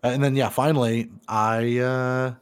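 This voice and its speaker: A man in his thirties co-hosting a casual podcast, laid-back and profane, who gets loud and animated when retelling funny scenes. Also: mid-range voice, moderate pace, clean tone. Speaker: podcast co-host. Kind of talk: casual chat.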